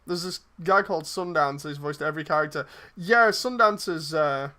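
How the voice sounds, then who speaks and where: This streamer, who is also a project lead casting voice roles, has a somewhat high, bright voice with a forceful edge and speaks at a moderate pace. Replying to messages on his livestream, he chats casually, wandering and hesitating and frequently leaving thoughts unfinished.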